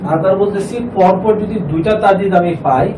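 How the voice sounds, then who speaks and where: A man with a fairly high voice leads a classroom Quran reading lesson. He asks questions, repeats the students' answers and draws syllables out in a chant. He is picked up from a distance in an echoey room with a faint hiss behind. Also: a little fast. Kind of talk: classroom lesson with call and response.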